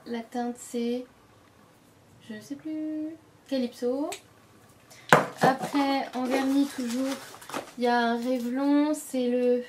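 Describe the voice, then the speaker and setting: Young woman beauty vlogger, rambling and casual, slightly high voice, recorded at home with clear background noise. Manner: chatty, many fillers and self-corrections. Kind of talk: casual product show-and-tell.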